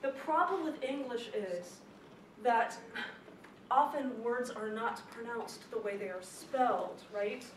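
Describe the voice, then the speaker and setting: A woman teaching a classroom speech lesson on pronunciation, lively and emphatic, repeating her key points. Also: on the high side, slow pace. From not from the Chicago area. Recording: echoey classroom, distant mic, background noise.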